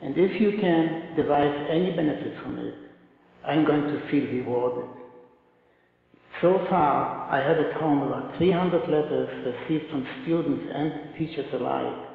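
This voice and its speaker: A man's voice: on the high side, unhurried, creaky. An older man from Poland with a Polish accent, giving an earnest, plain-spoken survivor testimony at a podium in a large auditorium. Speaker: Holocaust survivor speaker. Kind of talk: testimony talk. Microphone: podium mic, far camera. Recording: echoey hall, lo-fi camcorder sound.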